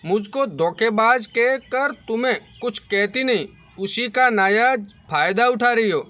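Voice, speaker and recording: Man doing lying middle-aged mother-in-law, defensive, feigned innocence, high bright voice. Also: a little slow, dry recording, heavily acted.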